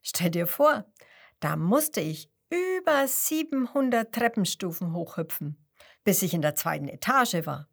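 A woman's voice: lowish voice, big pitch swings, unhurried, gravelly, exaggerated voice. A woman voicing a cheerful young male frog from France who chats proudly about his home. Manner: friendly, chatty, proud of home.

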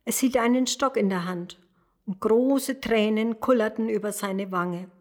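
A woman reading a children's story aloud, soft and expressive, addressing the young listener. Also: fairly high pitch, unhurried.

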